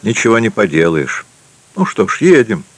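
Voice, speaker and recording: A man's voice: on the low side, big pitch swings, no echo. A man reading an easygoing young companion. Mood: resigned. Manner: good-humoured, resigned, quick remarks.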